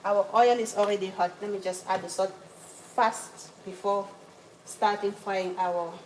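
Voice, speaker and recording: Chatting away during a casual cooking stream from her home kitchen, a Cameroonian woman calls out viewers by name and apologizes while multitasking. Her medium-pitched voice is slightly mellow with fairly even intonation and an unhurried pace, though the audio is poor and carries some background noise.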